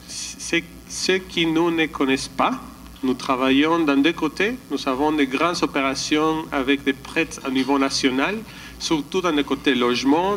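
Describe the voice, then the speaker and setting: A man walks an audience through slides at a conference, pausing to search for words and restarting his sentences. His voice sits a little high for a man. A faint background noise runs under it. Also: fairly bright tone, poor audio. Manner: calls for the next slide. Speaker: conference presenter. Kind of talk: slide presentation at a summit.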